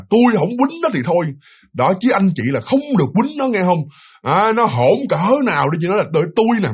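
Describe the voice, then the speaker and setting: A man voicing a tearful old grandmother who pleads haltingly. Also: high voice, breathy edge, full character voice. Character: tearful pleading grandmother, older adoptive mother.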